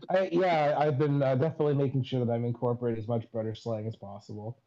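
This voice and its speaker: A man's voice: mid-range voice, steady tone, brisk, dark tone. A man guest on a podcast, talking in a hesitant, self-deprecating, apologetic way. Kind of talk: casual chat. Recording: dull lo-fi sound.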